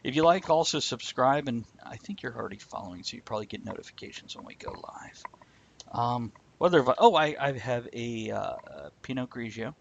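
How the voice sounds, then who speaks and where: A man hosts a live-streamed video chat show, joking, laughing often and chatting with viewers. His mid-range voice is lively in intonation, a little fast and creaky. Heard over a video call, the highs are cut off.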